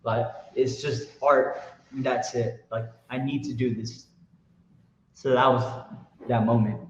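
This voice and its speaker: A man telling a personal story in a casual interview, animated and slangy, with lots of fillers. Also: mid-range voice, a little slow, a little hiss or hum. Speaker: guest artist. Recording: roomy, dull lo-fi sound.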